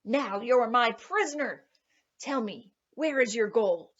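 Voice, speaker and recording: A woman's voice: a little high, expressive, slow, voice pushed up. A cocky young farm lad from a storybook, put on by a woman reader. He is bold and greedy, speaking in an eager, emphatic, demanding way. The sound is a touch dull. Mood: fierce, demanding. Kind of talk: storybook character voice.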